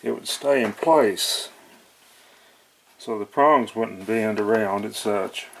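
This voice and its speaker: This hobbyist's voice is lowish and gravelly, and he takes his time narrating an electronics repair, unscripted, folksy and hesitant as he thinks aloud. The audio is poor, with noticeable background noise and clicks.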